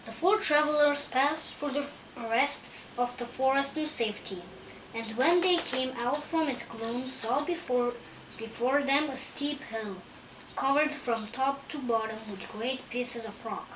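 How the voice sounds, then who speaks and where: A woman reads a storybook slowly and carefully, stumbling and restarting now and then. Her voice is high. She sounds distant in a roomy space, with a faint hiss behind. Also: fairly bright tone. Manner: careful, with frequent small slips and restarts. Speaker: audiobook reader. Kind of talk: storybook narration.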